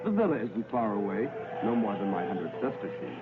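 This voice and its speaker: Wheedling Roman informant, tinny film sound. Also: male voice, lowish voice, sing-song, moderate pace. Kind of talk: dubbed historical film acting. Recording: tinny narrow-band old film soundtrack, music. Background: music.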